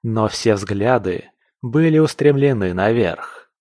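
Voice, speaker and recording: A man's voice: fairly low pitch, expressive, takes it slowly, darkish tone, no room sound. Male audiobook narrator, dry close sound. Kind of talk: scripted fiction narration.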